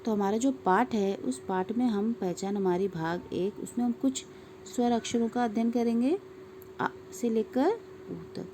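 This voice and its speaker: A woman teaches a primary-school language lesson in a slow, unhurried voice. She speaks patiently, as if to young children, reciting word lists one word at a time. She keeps prompting her pupils to look, with faint ambient noise behind her. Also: fairly high pitch, mellow.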